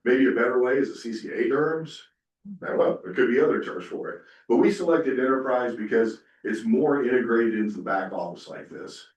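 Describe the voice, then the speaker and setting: Speaking briskly in a medium-pitched voice, a man delivers a relaxed, folksy conference presentation full of fillers. He's a panelist in a conference room, and the recording is echoey, with him far from the microphone.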